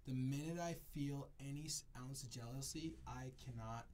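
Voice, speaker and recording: A medium-pitched man with a slightly mellow sound talks at a moderate pace. He's a DJ from Jamaica, brought to America as a child and now grown, giving a reflective, casual interview where he emphasizes things by repeating them.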